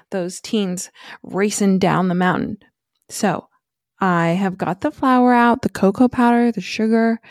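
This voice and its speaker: A woman in her thirties hosting a podcast, telling a personal story in an animated way and laughing as she goes. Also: mid-range voice, no room sound, studio quality. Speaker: podcast host.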